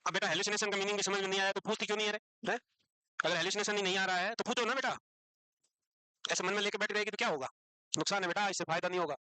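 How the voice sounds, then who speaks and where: A man teaching psychiatry to a class, brisk and scolding, calling his students "beta" and mixing English medical terms into his Hindi. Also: high voice, steady tone, bright, forceful tone, no room sound. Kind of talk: classroom lecture.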